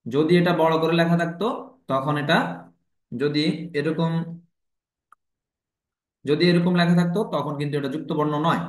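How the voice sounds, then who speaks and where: A man's voice: on the high side, fairly even intonation, normal speed, long pauses, roomy sound. A man teaching a language lesson, patiently explaining and repeating each step.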